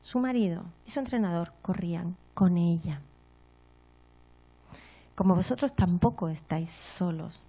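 A woman's voice: fairly low pitch, measured pace, pauses often, breathy edge. Spanish woman giving a motivational talk. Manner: storytelling, frequent tag questions, lively acted-out moments.

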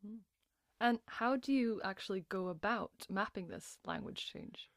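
A woman's voice: mid-range voice, measured pace, no room sound, studio quality. A woman interviewer asking brief, polite questions.

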